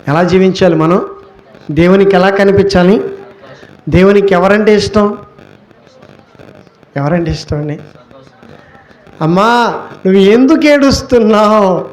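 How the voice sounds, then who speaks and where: A man preaching as a pastor, asking rhetorical questions and answering them himself, repeating key words slowly for emphasis. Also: high-pitched, fairly even intonation, a little mellow. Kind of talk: sermon.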